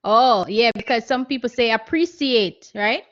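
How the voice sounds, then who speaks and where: Woman guest speaker, earnest teaching tone, slightly high voice, muffled video-call sound, repeats key points. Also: a little slow, fairly bright tone. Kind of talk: online seminar talk on voice training.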